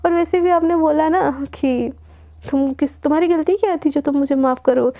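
A woman's voice: high voice, normal speed, mellow. A woman voicing a defiant young woman student who talks curtly and dismissively. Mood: brusque. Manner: curt, dismissive. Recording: dull lo-fi recording.

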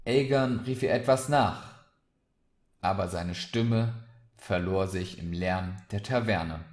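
A man reading a fantasy short story aloud, slow and deliberate. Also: low voice. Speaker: reader of short stories. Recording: roomy echoey recording.

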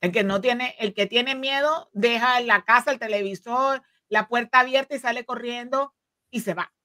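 Bright and forceful, her fairly high voice moves at a moderate pace with clean studio sound and no room noise. She is a woman in her forties, a native Spanish speaker and immigration legal counsel, appearing as a guest in an explanatory interview and speaking earnestly with plenty of fillers and restarts, using a desk mic on a video call from her home office.

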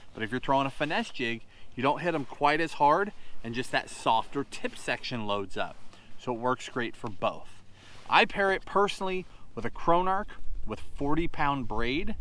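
A man's voice: mid-range voice, a bit bright. A man in his thirties, hosting a fishing show, explains tackle to the camera with practical enthusiasm while sitting in a boat on an open lake.

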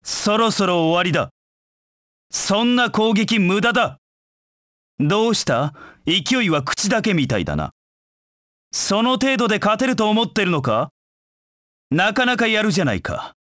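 Shadow, a haughty, slow-spoken hedgehog knight. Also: male voice, high voice, sing-song, fairly bright tone, no echo, studio quality, full character voice. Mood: scornful. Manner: arrogant, curt, disdainful. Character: proud, cold anthropomorphic hedgehog knight, a brooding young male rival. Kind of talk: Japanese video game battle voice clips.

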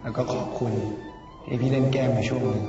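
A man's voice: medium pitch, flat delivery, a little fast, vocal fry. Young man, teasing older-brother tone, distant echoey recording. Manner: teasing, big-brotherly advice. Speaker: departing contestant. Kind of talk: casual farewell message. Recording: roomy, distant, muffled with music. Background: music.

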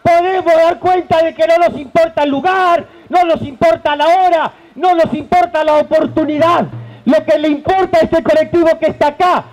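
In a low-quality recording, a man in his forties with an extremely high pitch, fairly even intonation, and normal speed delivers an impassioned protest speech. The Argentine union leader uses a handheld mic on an outdoor stage under a tent at a rally, gesturing and sometimes shouting in Argentine Spanish.

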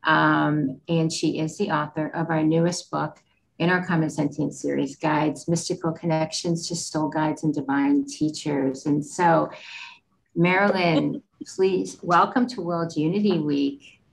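A woman's voice: sits low, fairly even intonation, unhurried, creaky. A middle-aged woman hosting an online event and introducing speakers in an informal way. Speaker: host and moderator. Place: indoor room with plain wall. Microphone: video call. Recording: faintly noisy video call audio.

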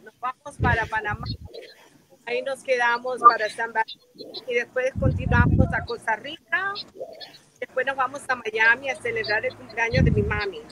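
Fields: Sex: woman. Role: interview guest. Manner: unhurried, chatty. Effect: heard over a noisy phone connection with interference. Pitch: high. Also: fairly even intonation. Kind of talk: casual interview answers. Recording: noisy, crackly phone call.

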